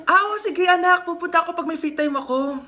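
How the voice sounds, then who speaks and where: A woman's voice: very high-pitched, brisk, sharp tone, a little hiss or hum. A woman voicing a neglectful, busy mother in a comedy skit, brushing everyone off impatiently. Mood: dismissive.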